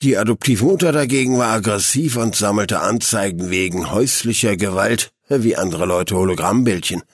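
A man reads a story aloud calmly and evenly. His voice is low and husky, recorded dry and close without room echo. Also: moderate pace. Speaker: narrator. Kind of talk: audiobook narration.

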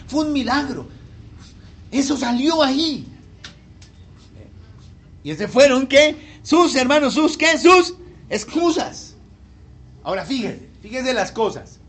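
Male pastor, high voice, preaching with questions to the flock and acted-out dialogue. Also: fairly bright tone. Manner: asks the congregation questions and acts out the people in the story. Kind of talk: sermon.

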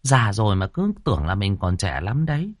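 A male narrator voicing an old village wife who scolds her husband, in a shrill, nagging tone, in a storybook reading. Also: very animated, normal speed, dry recording, clean studio sound. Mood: scolding.

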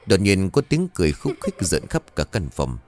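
A man narrating a scripted horror story in a slow, suspenseful reading voice. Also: sits low, wildly swooping pitch, darkish tone. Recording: music bed behind the voice. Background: faint music.

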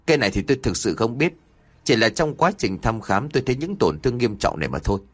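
A man doing a calm, measured doctor. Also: mid-range voice. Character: calm middle-aged male doctor, measured.

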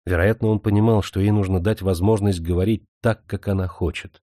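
A man reading a novel aloud as audiobook narration, in a measured, even storytelling manner. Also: deep voice, no echo, clean studio sound. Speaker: audiobook reader. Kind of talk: scripted narration.

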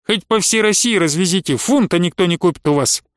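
A man's voice: high voice, a little fast, no echo, studio quality, lightly acted. A man voicing a wily older merchant who haggles, pleads and blusters. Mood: wheedling. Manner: bargaining, pleading, bursts of shouting.

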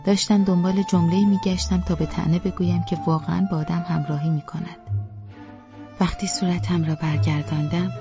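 A woman's voice: on the low side, highs cut off. A woman narrating a first-person audiobook with a wry, self-deprecating storytelling manner.

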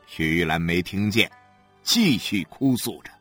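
An audiobook narrator reading a novel slowly and expressively. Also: deep voice, breathy edge, soft background music. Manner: slow, expressive storytelling.

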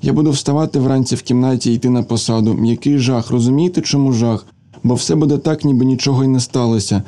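A man voicing a feverish, distraught young woman who was abandoned, speaking softly and half-whispered. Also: medium pitch, steady tone, fast, close to an everyday voice. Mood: weary. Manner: soft, breathless, half-whispered.

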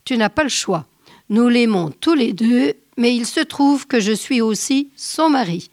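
A woman voicing an angry, threatening husband in a story read aloud, speaking slowly and evenly. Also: fairly high pitch, expressive, darkish tone, no room sound, studio quality.

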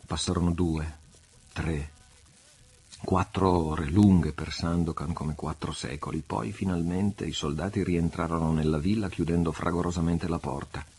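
A man reading a novel aloud as an audiobook in a measured storytelling manner. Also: deep voice, steady tone, darkish tone, husky. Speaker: audiobook reader.

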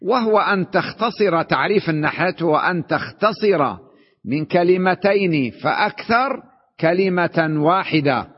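Sheikh teaching grammar in an echoing hall. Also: male voice, high-pitched, lively intonation, a little slow, husky, dull audio. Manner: explains patiently, checks with "تمام؟", quizzes students. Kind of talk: classroom lesson.

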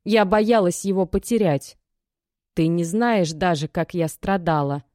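A woman's voice: lowish voice, a little slow, warm tone, no echo, close to an everyday voice. A woman reading an audiobook and voicing a desperate young mother whose dry, cracked voice trembles as she pleads and reproaches. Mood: tearful, reproachful. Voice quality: dry, cracked, tear-worn voice. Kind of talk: audiobook character voice.

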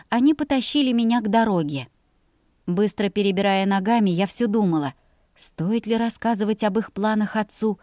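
A woman narrating a first-person audiobook story in an expressive storytelling manner. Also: on the high side, no room sound, clean studio sound.

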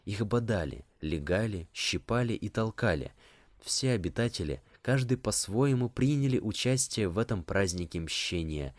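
Sex: man. Role: audiobook reader. Style: measured scripted narration. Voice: very deep. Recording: dry and close. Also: animated, no room sound. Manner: measured, storytelling.

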